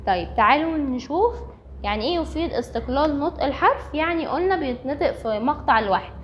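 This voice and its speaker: Speaking quickly with a high pitch and lively intonation, a woman with an Egyptian Arabic accent gives a recorded language lesson, patiently repeating every point step by step. The recording is dull and lo-fi, with slight background noise.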